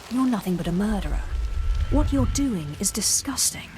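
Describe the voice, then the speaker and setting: Dark apprentice played by a woman: mid pitch, stern, controlled, formal game dialogue over music. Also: lively intonation, normal speed, close to an everyday voice. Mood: scornful. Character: stern female Sith apprentice, former slave. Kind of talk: video game dialogue acting.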